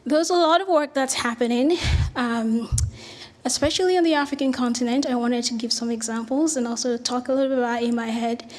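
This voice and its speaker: A woman's voice: fairly high pitch, a little fast, a little mellow. A middle-aged woman from Cameroon, giving an earnest academic lecture with slides and small restarts. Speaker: researcher giving a talk.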